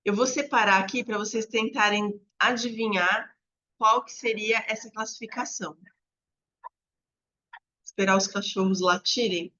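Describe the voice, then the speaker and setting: Patient woman teacher for an online lesson; bright tone, slightly dull recording. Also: medium pitch, steady tone. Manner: patient, explains slowly with drawn-out examples. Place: home apartment with dogs barking nearby.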